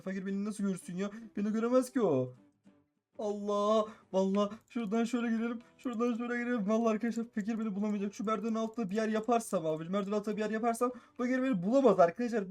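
A man playing a Minecraft role-play and commenting excitedly, repeating his phrases and constantly addressing viewers. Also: high-pitched, rapid-fire, soft background music. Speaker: gaming YouTuber.

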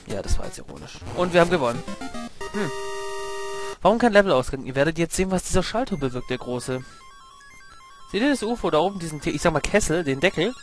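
An excitable young man narrates his gameplay in a casual, chatty way, swearing when things go wrong and explaining tricks to his viewers. His voice sits a little high. Game music plays clearly behind him. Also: fast, long pauses. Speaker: let's play commentator. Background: video game music.

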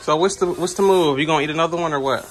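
A man's voice: on the high side, racing, slight background noise. A man hosting a food challenge in casual chat, teasing and egging others on, close to a phone in a home kitchen. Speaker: host filming the challenge. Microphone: handheld phone, close behind it.

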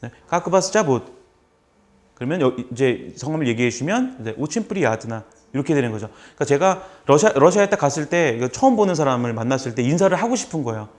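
A man teaching a class, patiently repeating short phrases slowly so students can copy them. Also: mid-range voice, very animated, a little mellow. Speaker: language instructor. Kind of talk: classroom lesson.

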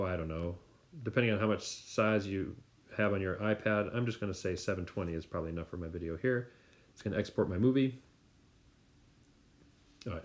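A man with a fairly low voice talks through a screen-recorded tutorial. He explains each step casually, thinking aloud and dropping in fillers and quick asides.

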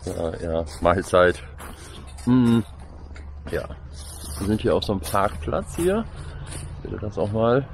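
A man's voice: on the low side, animated, slow pace, creaky, long pauses. A man in his thirties chatting casually for an exploration vlog in a hesitant, loosely rambling way. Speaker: vlog host. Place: parked or moving car, roadside outdoors. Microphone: handheld camera at arm's length. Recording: noisy car and outdoor sound.

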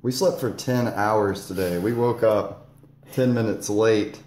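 Young man, 20s, casual vlog co-host; laid-back and jokey, dark mellow voice; phone at arm's length in an echoey greenhouse. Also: lowish voice, unhurried. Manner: laid-back, jokey, laughs between lines. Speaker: vlog co-host, farm intern. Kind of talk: casual chat. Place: large dome greenhouse, indoors. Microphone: phone camera at arm's length.

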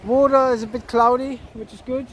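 Brief: 50s man, high voice, chatty fishing vlogger on camera outdoors, loud surf and wind noise. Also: fairly even intonation, moderate pace. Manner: chatty, laughs often, repeats words. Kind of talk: casual outdoor vlog commentary. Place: open sandy beach by the surf. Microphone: handheld camera close to face.

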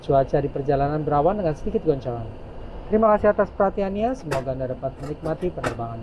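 A man's voice: on the high side, animated, quick pace. A man who is an airline captain, making a polite, formal passenger announcement into a headset mic in the cockpit. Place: aircraft cockpit. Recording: muffled sound with loud engine hum.

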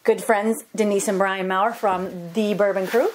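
A woman hosting a casual whiskey tasting chat, teasing and quick to correct her co-host. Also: medium pitch, steady tone, a little hiss or hum.

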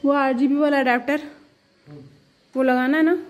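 A woman's voice: high-pitched, steady tone, normal speed, muffled recording. A young woman from Jaipur chatting casually in her home vlog, playful and teasing. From Jaipur, India. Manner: chatty, playful, laughs and teases. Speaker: vlogger. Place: at home, indoors.

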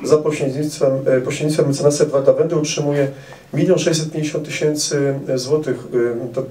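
A middle-aged man fields audience questions at a meet-the-author gathering, speaking precisely and deliberately into a handheld mic while hesitating with frequent "e" fillers. His voice runs on the high side yet dark in tone and steady, and the roomy indoor hall recording, taken from a camera some way off, carries a little hiss or hum.

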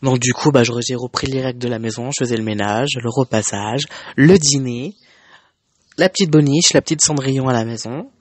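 A man's voice: medium pitch, a little fast, no room sound. Young guy storytime vlog, emotional and rambly, lots of euh, dry close mic. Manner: emotional, conversational, many fillers and restarts. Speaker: vlogger. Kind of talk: personal storytime monologue.

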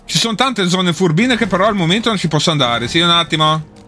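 A man's voice: high voice, animated, fast talker, bright, forceful tone. A man giving casual let's play commentary, swearing and talking back at the enemies he fights. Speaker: gameplay streamer.

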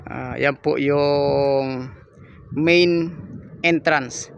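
A man's voice: on the high side, steady tone, extremely slow, vocal fry, clean tone, no room sound, muffled recording. A man walking a lot outdoors and narrating a property tour in polite, upbeat salesman patter. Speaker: real estate agent giving a property tour. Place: outdoors on a large fenced lot.

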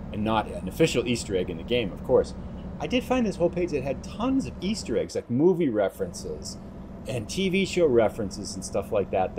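A man with a fairly low voice talks through his gameplay in a relaxed, chatty way, thinking aloud as he goes. Faint game noise sits behind his voice. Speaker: let's play host. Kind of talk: casual gameplay commentary.

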